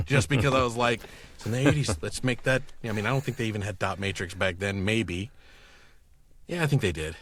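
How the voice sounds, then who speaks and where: Appearing as a podcast guest, a man who works as an audio producer and director chats casually, telling stories in an enthusiastic, rambling way. His voice is lowish and a bit bright, and he talks fairly quickly.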